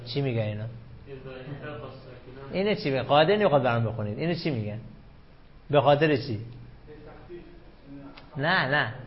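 This mid-range male voice is animated and marked by long pauses as he teaches an Arabic grammar class. He repeatedly questions the students and drives the rules home with emphasis, captured in a muffled, lo-fi classroom recording.

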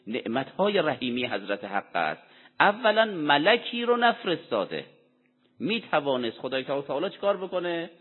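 A man giving a Quran commentary lecture, explaining deliberately and answering his own rhetorical questions. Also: medium pitch, slightly rough. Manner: poses rhetorical questions and answers them himself; deliberate, explanatory delivery with Arabic quotations. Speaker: religious lecturer. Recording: tinny phone-like sound with long hall reverb.

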